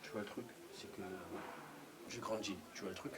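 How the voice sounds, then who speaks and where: A man's voice: fairly low pitch, fairly even intonation, moderate pace, lightly acted. A man in his thirties playing a nephew visiting from Europe, stumbling over fillers as he explains himself. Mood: hesitant. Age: 30s. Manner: hesitant, many fillers and "tu vois le truc". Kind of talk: film dialogue. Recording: noticeable background noise.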